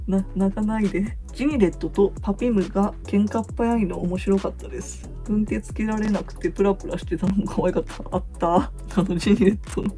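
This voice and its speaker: A woman vlogger who reads out short fan notes, comments on each one and gushes excitedly, laughing often. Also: lowish voice. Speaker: vlogger reading fan reports. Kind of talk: casual fan chat.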